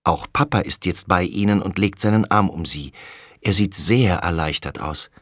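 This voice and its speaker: Ein Mann, der ein Kinderhörbuch sanft und ausdrucksvoll vorliest. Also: male voice, deep voice, normal speed, no echo, studio quality. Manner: gentle, expressive storytelling. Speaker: audiobook reader. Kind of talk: children's storybook narration.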